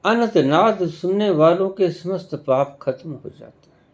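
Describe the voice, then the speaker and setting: A man giving a devotional discourse as a spiritual teacher, speaking in a measured way with long pauses and emphatic stresses. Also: high voice, lively intonation.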